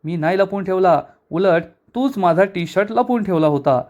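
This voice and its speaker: A man's voice: high voice, animated, moderate pace, a little mellow, muffled recording. A man voicing an irritated, defensive young man who thinks himself handsome.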